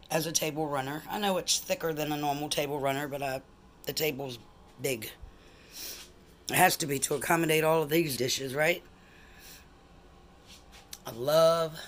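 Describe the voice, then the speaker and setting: Her voice is low-pitched yet fairly bright, with a little background noise, as this woman casually guides viewers around her buffet table. The collector records the show-and-tell vlog on a handheld phone camera inside her home dining room.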